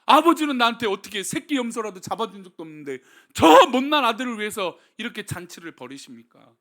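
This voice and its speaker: A man's voice: very high voice, sing-song, fast, fairly bright tone, pitched above the performer's own voice, full character voice. A male pastor voicing a resentful grown elder son who complains to his father with a sense of grievance. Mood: aggrieved. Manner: aggrieved complaint.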